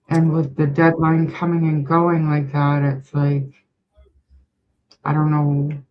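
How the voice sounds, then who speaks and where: Slow, flat voice on a mic dropping in and out. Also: mid-range voice. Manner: halting, hesitant speech with restarts. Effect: mic cutting in and out, uneven volume. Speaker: commentator on a panel. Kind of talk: online video discussion. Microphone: computer mic on a video call. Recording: dull lo-fi online call mic.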